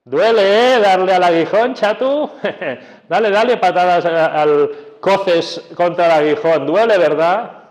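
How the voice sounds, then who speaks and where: A man's voice: fairly high pitch, big pitch swings, moderate pace, darkish tone. A preacher voicing an exasperated divine man who scolds a persecutor with incredulous questions. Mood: mocking.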